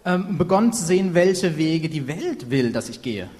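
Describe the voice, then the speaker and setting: Halting male interpreter in a reverberant hall. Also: a little high, very animated, a little mellow. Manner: halting, many fillers and self-corrections. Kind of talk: live sermon interpreting.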